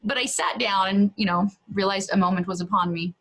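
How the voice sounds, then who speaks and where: A woman's voice: medium pitch, fairly quick, a bit bright, low-quality recording. A woman guest telling a personal story earnestly, sometimes acting out a talk with her young son. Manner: earnest, acts out dialogue with her son in a raised voice. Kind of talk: reflective storytelling in conversation.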